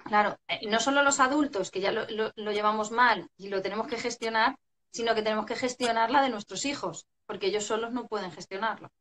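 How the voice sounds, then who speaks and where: Woman, slightly high voice, parenting expert explaining with examples, live-chat guest. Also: a little fast, fairly bright tone, a little hiss or hum. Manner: explanatory, acts out family scenes. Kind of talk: live video chat advice.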